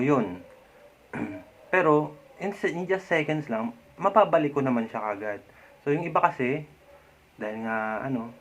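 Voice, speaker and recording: A man in the middle of his range talks through casual advice like a friend, with plenty of checking-in tag questions and the odd soft chuckle. The recording sounds muffled and lo-fi. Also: mid-range voice, slight background noise. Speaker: vlogger. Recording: dull lo-fi sound.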